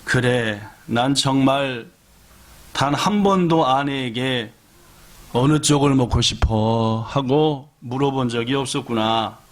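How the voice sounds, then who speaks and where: A man's voice: medium pitch, slow, lightly acted. A man doing an old husband's voice. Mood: regretful musing. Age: older. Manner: shouting back, then quietly regretful. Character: old husband, stubborn then remorseful. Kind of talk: sermon storytelling.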